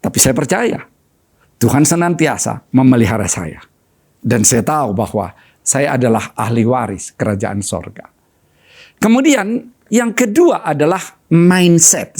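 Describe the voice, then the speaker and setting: A middle-aged male pastor preaching a sermon, telling a personal story with animated, swinging delivery. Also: a little high.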